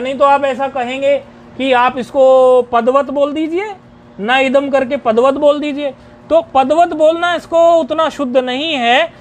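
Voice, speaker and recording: A man delivers a grammar lecture, explaining the rules deliberately and chanting each one syllable by syllable. His voice is very high, and there's slight hiss or hum in the audio.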